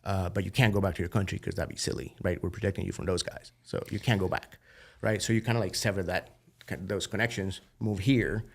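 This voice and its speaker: Speaking briskly in a low, creaky voice, this thirty-something Colombian biotech founder recounts his story as a podcast guest in a laid-back, lively interview. His Colombian Spanish accent comes through, and he keeps saying "you know" and "dude."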